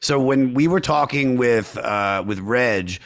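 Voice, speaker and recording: A man hosting a podcast, chatting casually and excitably, dropping into low mutters and bursting into laughter. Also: slow. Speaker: podcast host.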